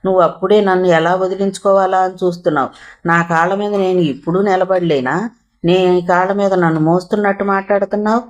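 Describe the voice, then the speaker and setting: A woman's voice: fairly low pitch, steady tone, fairly quick, muffled recording, lightly acted. Woman reading as a tearful, quarrelsome young wife. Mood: upset. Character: young distressed runaway wife, sharp-tongued.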